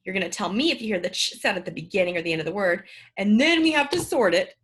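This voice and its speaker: Lively, husky-voiced woman teacher. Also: mid-range voice, quick pace. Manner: upbeat, playful, encouraging. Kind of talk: home-learning lesson video.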